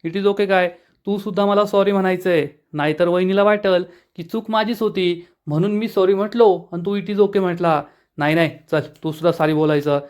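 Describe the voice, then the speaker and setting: A man's voice: high-pitched, fairly even intonation, a little mellow, clean tone, lightly acted. A man quoting a bickering young village brother. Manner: teasing, quarrelsome, quick retorts.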